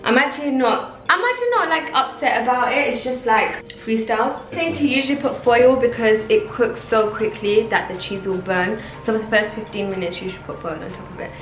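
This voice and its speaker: A woman's voice: a little high, fairly quick, few pauses. A young woman chatting upbeat and rambling to viewers while cooking in her home kitchen. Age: young adult. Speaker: vlogger. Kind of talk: casual cooking vlog. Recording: roomy kitchen echo, faint background music.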